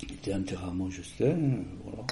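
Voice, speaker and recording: A man's voice: low-pitched, animated, fast talker, gravelly, noisy background. A man being interviewed, recounting a personal story in a casual, rambling way with many restarts and fillers.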